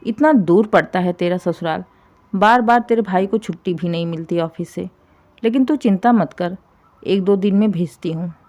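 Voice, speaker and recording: Woman voicing a gentle reassuring mother. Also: fairly low pitch, moderate pace, natural voice. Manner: soothing, reassuring. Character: gentle caring mother on the phone.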